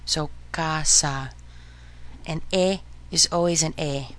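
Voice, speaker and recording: A woman hosting a podcast lesson on Spanish pronunciation, modeling each sound slowly and clearly for listeners to repeat. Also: deep voice, a bit bright. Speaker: Spanish teacher.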